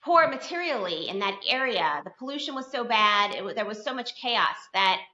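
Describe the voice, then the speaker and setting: A woman's voice: mid-range voice, expressive, normal speed, pushed and bright. A woman chiropractor, a guest on an interview, telling her story in an earnest, candid way. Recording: dull, echoey room sound.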